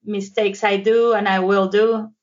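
Slow woman, flat delivery. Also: medium pitch. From Mexico. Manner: hesitant, many fillers and restarts. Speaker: guest, psychotherapist and art therapist. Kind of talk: casual interview talk in a second language. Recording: dull lo-fi sound.

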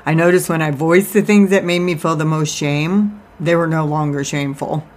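A woman's voice: deep voice, fairly even intonation, normal speed, darkish tone. A woman life coach giving an informal, confessional personal monologue, talking out of one side of her mouth with a self-deprecating manner. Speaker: life coach and podcast host.

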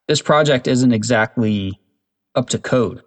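A man's voice: medium pitch, unhurried, lightly acted. A man voicing a wary, curious middle school girl in a storybook reading.

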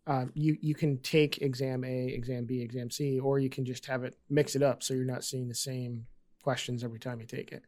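A man's voice: medium pitch, flat delivery, a little fast, a little mellow. A man hosting a podcast, explaining things in a casual conversational way. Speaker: podcast host.

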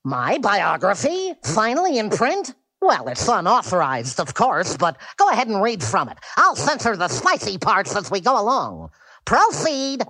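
Daffy Duck, a brash cartoon duck. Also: male voice, high-pitched, huge pitch swings, unhurried, sharp tone, full character voice. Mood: vain. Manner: brash, self-important, stammers when flustered. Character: vain, boastful male cartoon duck. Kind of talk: cartoon voice acting in a radio storytime.

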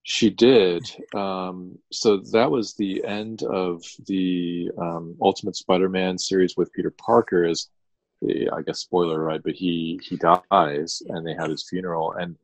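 A man's voice: deep voice, level tone, measured pace, no echo, poor audio. A man co-hosting a podcast, retelling a story at length with frequent ums and restarts. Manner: rambling storyteller, many ums. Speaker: podcast co-host, attorney. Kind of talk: casual podcast chat.

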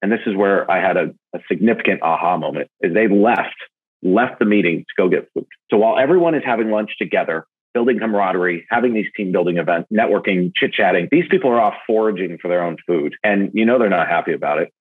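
A man in an interview talking about event planning and meals, telling stories with lively jumps up in pitch when he gets excited. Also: fast talker, breathy edge. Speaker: podcast guest, event marketer. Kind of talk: casual interview talk. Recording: narrow phone-like audio.

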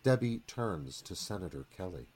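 A man narrates a screenplay for radio theatre in a husky, lowish voice at normal speed. His delivery is dramatic, with animated rises and falls.

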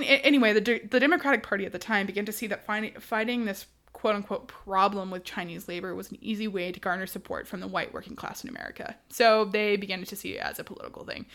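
A woman co-hosting a casual podcast, telling history quickly and animatedly with asides and laughs. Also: medium pitch, a bit bright. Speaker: podcast co-host.

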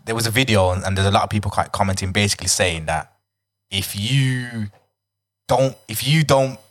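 Male, slightly low register, London roadman accent, slangy casual chat. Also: a bit bright.

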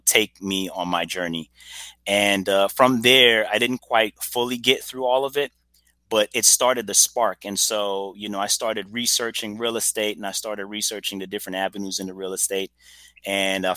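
Upbeat guest, a man in his forties from Trinidad and Tobago, lowish forceful voice, dry sound. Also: no room sound. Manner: upbeat, chatty storyteller. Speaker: podcast guest, entrepreneur. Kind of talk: casual interview storytelling.

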